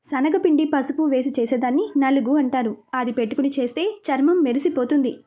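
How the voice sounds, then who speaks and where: A woman reading the lines of a caring, gentle young wife in a story. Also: sits high, brisk, close to an everyday voice.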